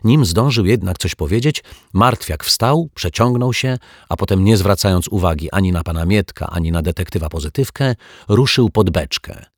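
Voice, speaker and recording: A man's voice: low-pitched, expressive, normal speed, slightly rough, no echo, studio quality. A man reading a children's story aloud playfully, and now and then asking the listener questions. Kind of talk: children's audiobook narration.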